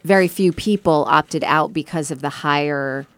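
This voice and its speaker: Low-voiced woman explaining finance calmly. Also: normal speed, no room sound. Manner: explanatory, talks through reasoning step by step. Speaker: co-host of a personal finance show. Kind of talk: conversational commentary.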